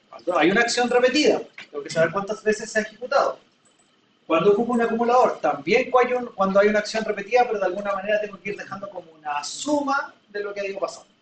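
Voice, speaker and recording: A man with a high-pitched voice teaches in a classroom, explaining patiently with everyday examples and repeatedly checking that students are following. The sound is echoey and far from the mic, with slight background noise.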